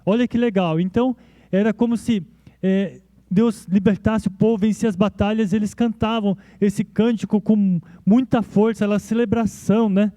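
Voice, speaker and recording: A male pastor preaching a sermon in a relaxed, conversational way, often checking in with his listeners. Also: sits high, moderate pace, dry recording. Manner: conversational, frequent "né?" tags and restarts. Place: church.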